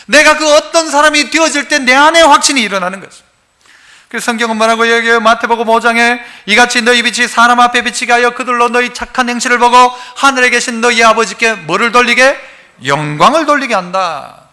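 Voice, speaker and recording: Pastor, male, very high tense voice, folksy call-and-response preacher in a church. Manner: lively, quizzes the congregation and prompts responses; folksy and humorous. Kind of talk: sermon. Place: church sanctuary, live service.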